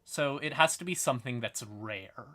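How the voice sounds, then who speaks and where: A live streamer hosts his stream, explaining fantasy lore casually and informally, with some swearing. His medium-pitched voice is pushed and bright, at a moderate pace.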